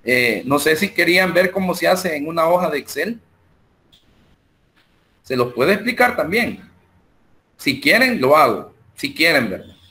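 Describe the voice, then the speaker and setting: A male teacher with a Salvadoran Spanish accent, speaking in a somewhat high voice at a slow, unhurried pace. He talks his students through numbers and a spreadsheet in an online lesson. He often pauses on fillers as he works. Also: lively intonation. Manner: talks slowly while working through numbers and software, with many fillers. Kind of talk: online math lecture.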